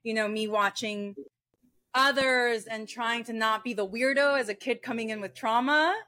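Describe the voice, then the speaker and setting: Animated woman guest telling her story. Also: on the high side, moderate pace. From Venezuela. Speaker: guest filmmaker. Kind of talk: podcast interview.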